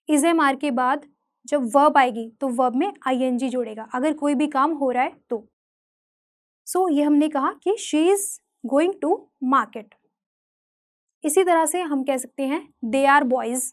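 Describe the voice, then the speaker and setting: A young woman with an Indian accent teaching a spoken English lesson, saying English words slowly and spelling them out letter by letter. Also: sits high.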